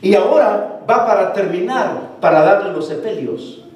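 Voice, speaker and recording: A man plays a weeping nurse who explains sad news slowly and sorrowfully. The high voice echoes through a large room, picked up from afar. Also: expressive, darkish tone. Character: weeping grieving nurse, woman. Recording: echoey hall from far off.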